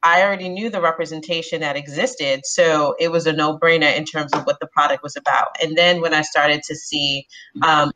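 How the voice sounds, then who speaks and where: A woman from the Bronx, speaking as a panelist about her career in a measured, reflective way. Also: low-pitched, sharp tone. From New York City (Bronx). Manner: measured, reflective, frequent um fillers. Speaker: HR business partner, panelist. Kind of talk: panel discussion.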